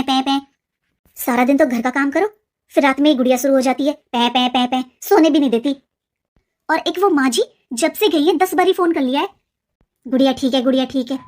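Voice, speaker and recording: A woman's voice: sits high, natural voice. A woman voicing a nagging younger sister-in-law in a cartoon, a resentful young wife who complains sharply and sulks. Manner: sharp, sulky, grumbling. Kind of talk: cartoon voice acting.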